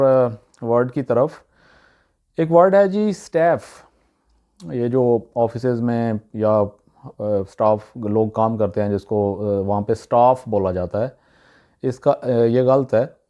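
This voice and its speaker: Speaking to camera, a man gives a casual, unhurried English pronunciation lesson, going word by word and saying each pronunciation twice with frequent "uh" pauses. His medium-pitched voice is dark and relaxed, and the recording sounds dull and muffled.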